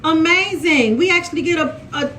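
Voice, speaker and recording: A woman's voice: very high voice, normal speed, slight background noise. A woman from Mississippi with a Southern accent, chatting casually through a TV episode recap and often restarting her sentences. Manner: chatty, animated, restarts a lot. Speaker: TV recap vlogger.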